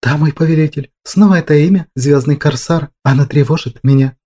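A man's voice: a little high, a little fast, dark tone, slightly rough. A man voicing an anxious, devoted young woman who speaks in a tender, pleading way.

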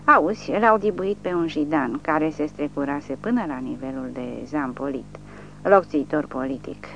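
A woman's voice: low-pitched, a bit bright, muffled recording, soft background music. A woman voicing a crippled drunk man who boasts and gossips. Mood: boasting.

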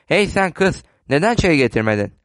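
A man's voice: on the high side, very animated, normal speed, dry recording. A man voicing a grumpy, stingy old man who barks testy complaints in a storybook reading. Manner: barking, testy.

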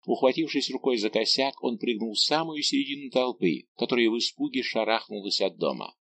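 Reading an adventure audiobook, this man delivers expressive, vivid storytelling. He speaks a little fast at a medium pitch, and his voice has a creaky quality.

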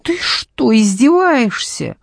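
A woman's voice: on the high side, sing-song, slow, vocal fry, no room sound, clean studio sound, voice pushed up, heavily acted. A woman reading the lines of an anxious, insistent young fiancée who pleads in emphatic bursts. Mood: agitated.

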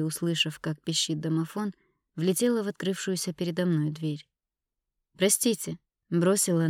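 A woman narrating an audiobook in the first person, in a measured, intimate storytelling manner. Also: lowish voice, darkish tone, no room sound, clean studio sound.

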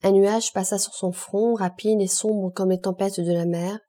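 A woman reading a classic novel aloud in measured scripted narration. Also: medium pitch, fairly even intonation, mellow. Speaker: audiobook reader.

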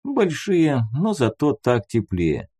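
Male audiobook narrator, warm dark tone, animated swings in his reading. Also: mid-range voice, slow pace, no echo, clean studio sound. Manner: first-person storytelling, lively intonation. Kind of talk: scripted narration.

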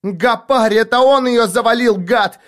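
A woman's voice: sits low, very animated, fairly quick, voice pushed up. A man voicing a fierce young street girl who screams insults in a furious, spitting way. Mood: furious screaming.

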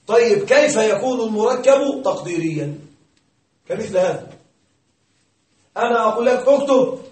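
A high-pitched man lectures a class on grammar at a moderate pace, often raising questions and then supplying the answers himself. The distant mic gives the recording a roomy sound.

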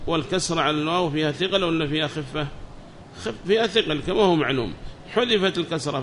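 A man's voice: a little high, fairly bright tone, slight background noise. A man teaching a lesson on classical Arabic grammar. He reads a text aloud, explains it, and asks his students questions as he goes.

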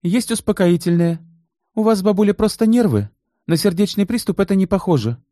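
A man doing a brisk, bossy ex-nurse woman. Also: high-pitched, animated, dark tone, no echo, clean studio sound, voice pushed up. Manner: businesslike, commanding.

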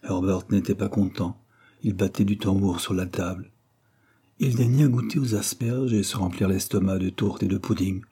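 A man reading a classic novel aloud as an audiobook narrator, measured and steady. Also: low voice, husky.

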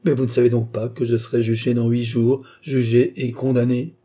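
A man's voice: fairly low pitch, flat delivery, normal speed, warm tone, breathy edge. A man playing a despairing young prisoner. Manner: despairing, hollow.

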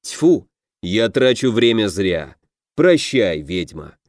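A man voicing a proud, grumpy half-orc who calls himself a future king, speaking slowly and pompously in a low growl. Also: very animated, no echo, studio quality. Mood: scornful. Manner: growling, pompous, slow deliberate.

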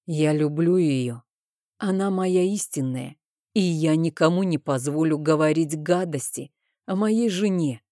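A woman plays a protective young dragon husband in an audiobook, slow and low-pitched with anger held in check. Her tone is mellow and the recording dry. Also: no echo. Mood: restrained. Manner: slow, restrained, quietly angry.

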